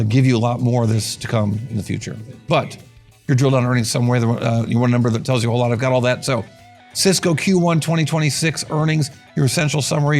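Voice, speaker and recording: A man hosting an earnings commentary show, talking in a brisk, conversational way with wry asides. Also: mid-range voice, darkish tone. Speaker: host and market strategist.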